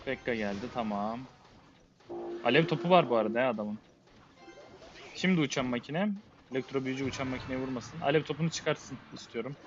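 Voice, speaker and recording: A man's voice: medium pitch, fairly quick, lo-fi sound, music in the background. A man giving a live, muttered running play-by-play while he plays a game, often exasperated. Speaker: game streamer. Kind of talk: live gameplay commentary.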